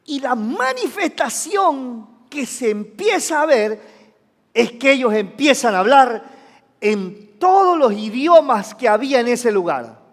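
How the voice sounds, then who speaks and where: High-voiced, lively preaching man. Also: slow. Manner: questions the congregation and has them repeat phrases; acts out sounds with sudden exclamations. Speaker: pastor. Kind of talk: sermon. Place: church. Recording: long reverb of a church hall.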